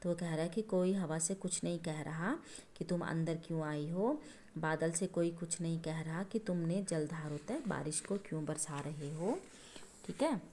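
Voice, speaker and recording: A woman with a slightly low voice teaches young children. She explains a poem line by line, going over each point again and pausing often to check they follow. Her manner stays patient and steady. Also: a little hiss or hum. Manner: patient, repetitive explaining with frequent checking asides; addresses listeners as children. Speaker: schoolteacher.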